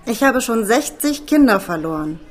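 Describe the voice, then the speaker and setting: A man's voice: very high voice, sing-song, moderate pace, some chatter behind, voice pushed up, exaggerated voice. A man voicing a bitter, worn-out woman teacher who speaks bluntly and with resignation.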